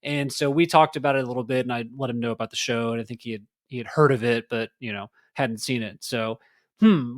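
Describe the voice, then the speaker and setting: A man's voice: medium pitch, a bit bright, no echo, studio quality. A man from Texas hosting his own podcast, talking casually about politics and daily life in a rambling way with many fillers. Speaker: podcast host. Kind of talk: casual solo political talk.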